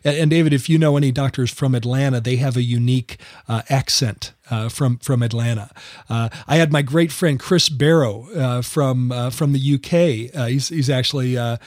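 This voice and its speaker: A man's voice: medium pitch, normal speed, darkish tone, no echo, studio quality. An American man hosting an interview show, casually chatty and rambling, with many filler words and restarts. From United States. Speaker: podcast host.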